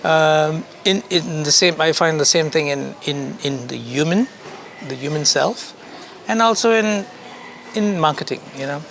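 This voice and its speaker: A man from India with a slightly raised voice speaks as an interview guest, unhurried and reflective. He circles back over his words and laughs easily. Faint background noise sits under the recording. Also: fairly high pitch, vocal fry, a bit bright. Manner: thoughtful, repeats words while searching, laughs easily. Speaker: creative director, interview guest. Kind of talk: casual conversation.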